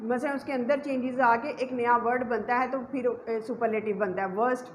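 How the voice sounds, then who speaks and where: Woman teacher going over grammar rules, high voice, echoey room, bit of hiss behind her. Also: steady tone, a little fast. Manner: repeats points and asks questions to the class. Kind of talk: explaining a grammar lesson to students. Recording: echoey room with faint background noise.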